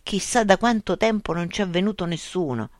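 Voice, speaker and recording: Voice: medium pitch, lively intonation, normal speed, dry recording, studio quality, voice pushed up, close to an everyday voice. A storyteller voicing Cesare, a brave schoolboy with a Roman accent who coaxes his friend along. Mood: coaxing. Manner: coaxing, reassuring.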